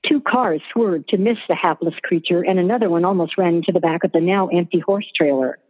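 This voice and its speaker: A woman narrating a scripted story in an even, descriptive way, over a tinny line with long reverb. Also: lowish voice, brisk, slightly rough.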